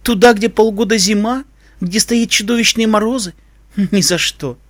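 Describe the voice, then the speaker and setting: A man's voice: high-pitched, moderate pace, fairly bright tone, dry recording, voice pushed up. A man voicing a vain, glamorous female unicorn queen who speaks in a mincing, affected way. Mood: scornful.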